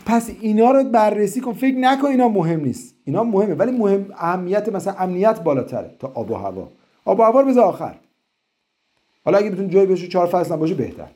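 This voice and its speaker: A man's voice: high voice, sing-song, mellow. A middle-aged man answering questions as an immigration consultant in a live session, talking emphatically and persuasively.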